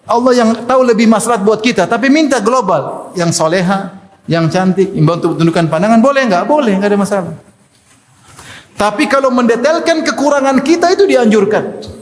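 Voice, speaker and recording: A man preaching a sermon, lively and joking, acting out prayers. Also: high-pitched, fairly quick. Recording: echoey hall.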